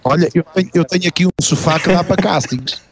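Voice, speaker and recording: Middle-aged male co-host, European Portuguese accent, quick, rambling, repeats himself, casual streaming chat. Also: high voice, crowd noise. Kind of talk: casual chat, telling anecdotes.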